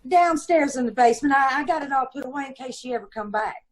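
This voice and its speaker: Speaking quickly in a high-sitting voice, a woman portrays a gossipy, aggrieved middle-aged landlady and mother of five giving witness in a radio police drama. Her old-time folksy, ungrammatical talk comes across grudging, indignant and self-pitying.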